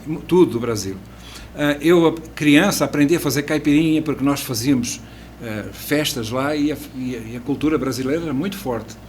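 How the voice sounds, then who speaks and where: A man's voice: a little high, fairly quick, darkish tone, slight background noise. A man in his sixties from Portugal with a European Portuguese accent, a podcast guest telling his life story with restarts and hesitant fillers. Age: 60s. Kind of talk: casual podcast chat.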